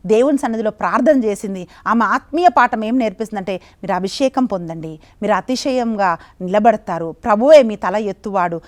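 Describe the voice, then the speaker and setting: A middle-aged woman preacher giving a sermon and leading a fervent, pleading spoken prayer. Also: medium pitch. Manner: fervent, pleading prayer with repeated address to God.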